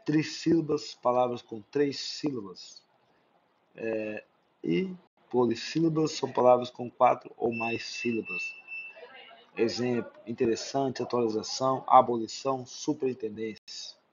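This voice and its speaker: A man's voice: medium pitch, a little slow, dull audio, slight background noise. A male Brazilian teacher giving an exam-prep lesson, explaining with lists of examples and often asking "né?" to check understanding. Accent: Brazilian Portuguese.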